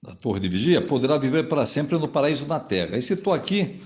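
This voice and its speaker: Brisk and sing-song, a mid-range male voice delivers a recorded monologue in which a Jehovah's Witness responds to a pastor. He speaks formally, reads from scripture, and often finishes sentences with "né?"; the recording sounds dull and lo-fi.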